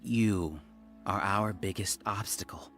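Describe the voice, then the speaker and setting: An actor playing an arrogant, fanatical researcher villain in a game, speaking in condescending theatrical monologues. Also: male voice, fairly low pitch, slow pace, a bit bright, faint music behind. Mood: gloating, fanatical. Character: arrogant fanatical male researcher villain ruling a hive mind. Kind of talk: theatrical voiced game dialogue.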